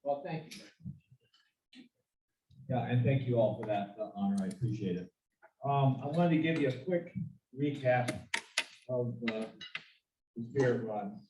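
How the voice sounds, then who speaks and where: A man's voice: medium pitch, unhurried, long pauses, mellow. A man at a club meeting giving a recap of an event and thanking sponsors, in a slightly rambling way. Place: meeting room. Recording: roomy, distant with clear noise.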